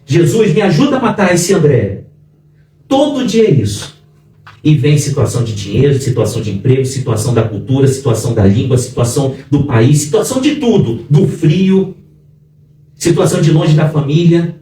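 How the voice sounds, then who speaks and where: A man's voice: medium pitch, expressive, normal speed, mellow, slight background noise. Echoey far-off male pastor preaching. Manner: emphatic preaching, acting out prayers and inner dialogue. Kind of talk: sermon. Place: church hall.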